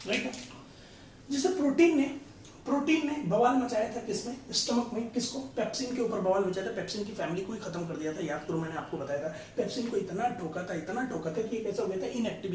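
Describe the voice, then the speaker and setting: Brief: high-voiced male tutor, playful analogies, echoey room. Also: fairly quick, a little mellow, far from the mic. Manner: asks the class checking questions, tells playful analogies. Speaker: biology tutor. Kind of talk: casual classroom explanation with stories. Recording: echoey room from off mic, faint noise.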